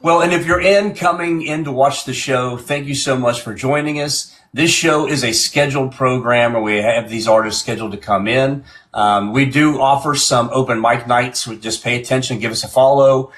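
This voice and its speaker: Man, medium pitch, informal live-stream host, conversational and somewhat halting, doubles back on phrases. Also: steady tone, fairly bright tone. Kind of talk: casual hosting chat.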